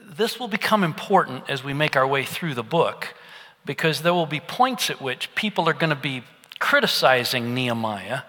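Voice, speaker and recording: A man's voice: mid-range voice, big pitch swings, normal speed, pushed and bright. A middle-aged man preaching an expository sermon, teaching in a conversational, storytelling way. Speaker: pastor. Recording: long reverb of a large hall.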